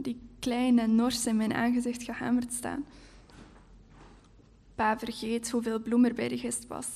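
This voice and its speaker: A woman author on stage at a live event, reading her own literary story aloud in a measured way. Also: on the high side, mellow.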